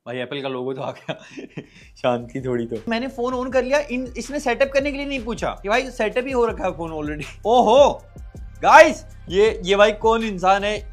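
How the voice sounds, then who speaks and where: A young man doing a casual, excited unboxing review of used phones, chatty and talking straight to his viewers. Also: high voice. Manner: excited, chatty, calls viewers brother and guys. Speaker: tech reviewer.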